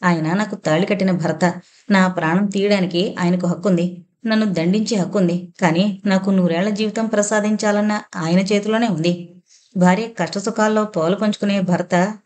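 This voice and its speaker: A woman reading out the lines of a calm, dignified young wife who speaks firmly and evenly, in an audio novel. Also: medium pitch, natural voice. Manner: calm, measured.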